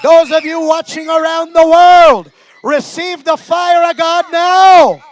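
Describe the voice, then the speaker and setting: A man preacher shouting deliverance prayers, commanding spirits out in slow, repeated chant-like phrases. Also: very high-pitched, fairly even intonation.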